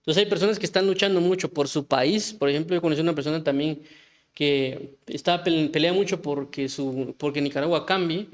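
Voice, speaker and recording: A man gives an informal sermon, his voice sitting a little higher than most men's. He talks conversationally, stopping to restart phrases and tossing out rhetorical questions to his listeners. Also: brisk. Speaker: preacher.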